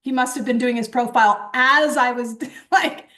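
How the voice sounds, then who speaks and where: Born in Japan and raised in England, this woman hosts and coaches an online certification course, presenting it as an enthusiastic webinar. Her high-pitched, excitable voice moves at normal speed as she tells stories in an animated, rambling way, full of fillers, false starts and restarts.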